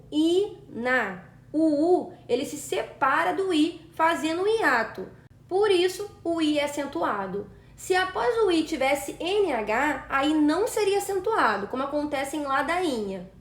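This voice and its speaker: A woman teaching a grammar exam-prep lesson, methodical, slowing down to spell words out syllable by syllable. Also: sits high, roomy sound. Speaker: Portuguese teacher.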